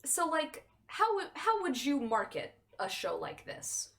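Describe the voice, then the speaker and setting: A woman's voice: high voice, very animated, measured pace, creaky, fairly bright tone. A woman hosting a livestream in casual, sweary, giggly watchalong chat. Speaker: livestream host. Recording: music playing behind voice.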